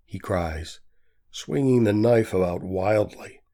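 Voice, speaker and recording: A man reading a story aloud as an audiobook narrator, in a measured, steady manner. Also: lowish voice. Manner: slow, measured reading with quietly voiced quotes. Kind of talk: scripted narration.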